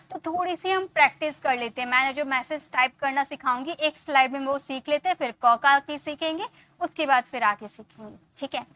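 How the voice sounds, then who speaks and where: A woman gives a classroom lesson in a high, bright voice. She explains patiently step by step, repeats herself, and asks questions she answers herself. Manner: patient, repetitive explaining with many rhetorical questions. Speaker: English teacher.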